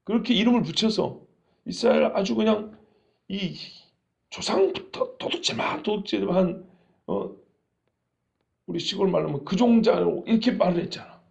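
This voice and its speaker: A male pastor preaching a lively sermon, often putting questions to the congregation. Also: sits high, normal speed, gravelly, long pauses, lo-fi sound.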